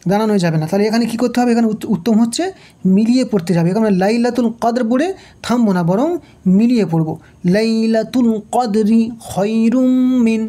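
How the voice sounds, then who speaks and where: Woman teacher going syllable by syllable, patient, soft mellow voice. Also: fairly high pitch. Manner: patient, repeats each syllable and asks the learner questions. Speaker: Quran teacher. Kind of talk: slow spelled-out recitation lesson.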